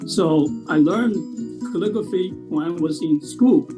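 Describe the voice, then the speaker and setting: A man's voice: on the high side, unhurried, music in the background, rough recording. A man in his sixties from Taiwan, talking casually with frequent fillers and restarts. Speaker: presenter at a talent show. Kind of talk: casual talk.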